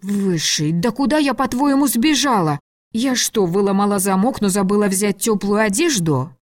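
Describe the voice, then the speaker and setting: A woman's voice: mid-range voice, expressive, moderate pace, a little mellow, dry recording, clean studio sound, close to an everyday voice. Frightened young captive, urgent and pleading, voiced by a woman reader. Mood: anxious, pleading.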